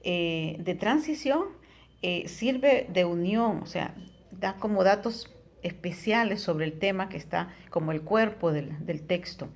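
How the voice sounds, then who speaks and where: A woman's voice: lowish voice, animated, measured pace. Tutor woman, frequent tag questions. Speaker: teacher. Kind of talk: recorded Spanish tutoring lesson.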